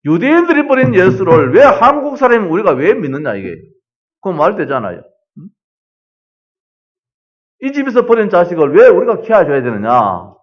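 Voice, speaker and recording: A middle-aged male pastor preaching a sermon, animated and full of rhetorical questions. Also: medium pitch, muffled recording.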